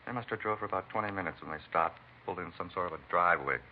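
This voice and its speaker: Muffled and faintly hissing, this vintage radio recording has a deep-voiced actor racing through the lines of a beaten, chatty American truck driver, a folksy eccentric who styles himself a bump-reader. In plain working-man talk he rambles through a weary account, in 1940s-50s radio acting style.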